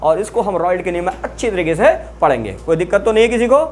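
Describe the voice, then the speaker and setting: A chemistry teacher giving a classroom-style lecture, often asking the students questions and then answering them, and repeating key terms slowly for emphasis. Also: mid-range voice, expressive, a little hiss or hum.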